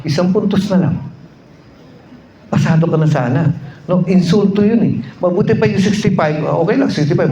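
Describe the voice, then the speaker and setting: A man's voice: fairly high pitch, dark tone. A male pastor preaching a sermon, telling a funny story and asking the congregation questions. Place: church. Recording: roomy, dull church recording, faint noise.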